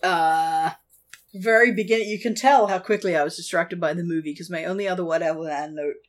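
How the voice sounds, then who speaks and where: A woman co-hosting a casual film review podcast, animated and sweary, laughing often. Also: on the low side, fairly quick. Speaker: podcast co-host.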